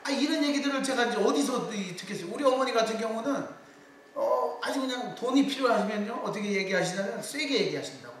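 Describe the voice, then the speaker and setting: A man's voice: very high-pitched, quick pace. Middle-aged guy giving a lecture, tells stories and does voices, echoey room, faint hiss. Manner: lively storytelling with quoted voices. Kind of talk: lecture on public speaking. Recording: echoey hall, voice from far off.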